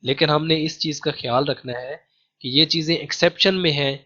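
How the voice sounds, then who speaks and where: A man teaching a grammar lecture with a Pakistani Urdu accent, patiently repeating key rules slowly. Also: a little high, fairly even intonation, pushed and bright. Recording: dull lo-fi sound.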